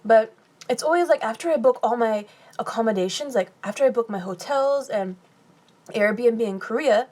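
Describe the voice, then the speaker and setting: A young Californian woman with a higher voice and a darkish tone snacks on a phone live stream, fielding viewer questions casually. She chats away, reads the comments out loud, and laughs quickly as she answers.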